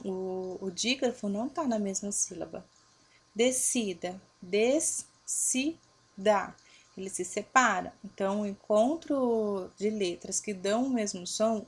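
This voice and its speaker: A woman teacher, giving a recorded lesson to her pupils, patiently asking and answering her own questions and spelling out letters slowly. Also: a little high. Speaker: primary school teacher. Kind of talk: recorded remote grammar lesson.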